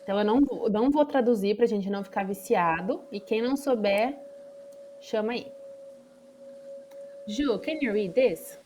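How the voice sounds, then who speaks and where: A woman's voice: mid-range voice, normal speed, pauses often, darkish tone, slight background noise. A woman with a Brazilian Portuguese accent, teaching an English class online on a video call and explaining patiently. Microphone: computer microphone on a video call.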